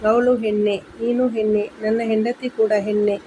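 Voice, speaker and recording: A woman voicing a grown son who calmly reasons with his mother and defends his wife. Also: on the high side, moderate pace, slight background noise, close to an everyday voice, rough recording. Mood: reasoning. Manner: steady, reasoning. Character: calm son mediating, taking his wife's side.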